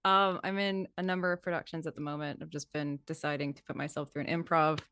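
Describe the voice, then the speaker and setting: A woman player introduces herself politely, with thanks. Her low voice carries some fry and is heard dry and close. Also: fairly even intonation, fast, a bit bright, no room sound. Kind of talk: casual chat.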